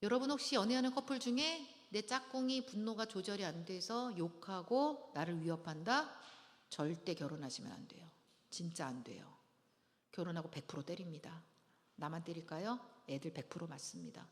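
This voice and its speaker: A middle-aged woman teaches a marriage-preparation class for engaged couples in a church hall, lively and dramatic, acting out little scenes and leading the audience in call-and-response. Her voice is lowish at a moderate pace, with long hall reverb on the recording.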